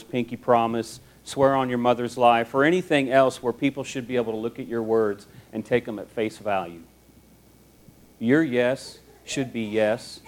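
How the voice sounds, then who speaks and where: A man giving a casual sermon to students, talking conversationally, joking and acting out the voices of people he quotes. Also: mid-range voice. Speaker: teacher giving a Bible talk.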